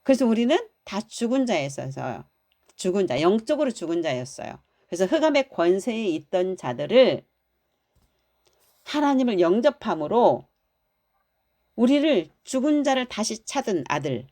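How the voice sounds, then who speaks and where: A woman pastor giving a sermon, preaching in an animated way and acting out the lines she quotes. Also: mid-range voice, moderate pace.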